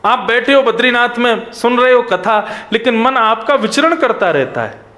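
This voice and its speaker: A man's voice: extremely high pitch, animated, moderate pace, pushed and bright. A man preaching a devotional sermon, emphatic, with wide swings between raised and dropped phrases. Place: religious gathering at a pilgrimage site.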